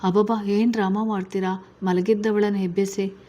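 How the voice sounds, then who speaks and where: A woman's voice: medium pitch, level tone, moderate pace, mellow, close to an everyday voice. A woman voicing an exasperated middle-aged wife and mother in a spoken family story. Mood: scolding. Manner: scolding.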